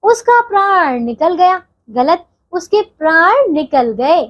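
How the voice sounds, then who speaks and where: Woman teacher, high voice, patient step-by-step explaining, dull lo-fi sound. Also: very animated, slow pace. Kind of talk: classroom lesson for young children.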